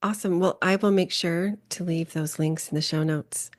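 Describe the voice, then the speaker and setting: A woman hosting a podcast interview, upbeat and affirming, asking quick questions. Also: lowish voice, steady tone. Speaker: podcast host. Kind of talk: friendly interview hosting and outro.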